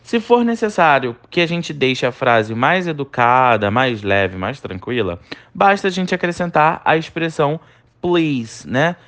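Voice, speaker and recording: A man teaching an English lesson, explaining imperative rules and slowly repeating example sentences with emphasis. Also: mid-range voice, expressive, a bit bright. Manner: frequent tag questions like né and tá. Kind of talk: recorded online lesson.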